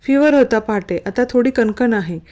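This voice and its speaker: A woman's voice: on the high side, animated, normal speed, darkish tone, lightly acted. A woman reading a story aloud and voicing a protective young man who gives curt, worried orders. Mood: tender.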